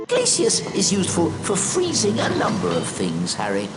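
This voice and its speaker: An actor voicing a kindly elderly wizard professor in a video game, speaking in a genteel, theatrical, encouraging way. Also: male voice, high voice, huge pitch swings, normal speed, over loud music. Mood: cheerful, instructive. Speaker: teacher giving tutorial instructions. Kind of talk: video game character acting.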